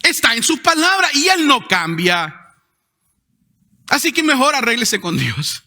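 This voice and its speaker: Pastor, male, fiery sermon delivery, pitched high, in a reverberant church hall. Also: sing-song, measured pace. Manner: emphatic preaching with sharp rises in pitch and volume.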